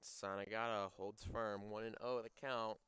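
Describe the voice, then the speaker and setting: Smooth young man calling baseball. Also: lowish voice, flat delivery, unhurried, fairly bright tone. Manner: banters and teases his co-announcer. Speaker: play-by-play announcer. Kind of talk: high school baseball commentary.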